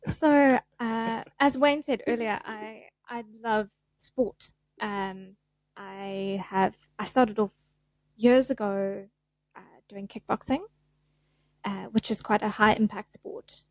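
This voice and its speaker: A middle-aged South African woman, a fascia therapist, chats easily as a guest on a casual podcast interview, self-deprecating and acting out little voices. Her mid-range voice goes slowly, and the recording is rough but has no echo.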